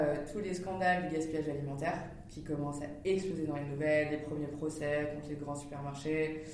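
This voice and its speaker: A startup founder from the Netherlands, a woman in her thirties, guests on a podcast and tells stories in a casual interview. She is animated, laughs often and talks fast in bursts. She is recorded far off the mic in a very echoey room with a low rumble.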